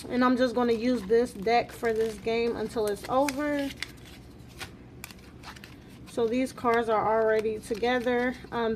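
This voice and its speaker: Slow-paced, higher-voiced woman with braces. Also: slight background noise. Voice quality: slightly altered articulation from new braces. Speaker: vlog host. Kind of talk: casual chat while counting cash and cards.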